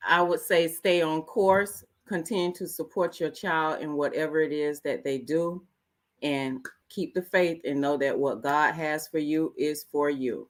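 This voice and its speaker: Calm woman with a very low voice. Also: a little slow. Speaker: guest mother. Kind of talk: casual chat.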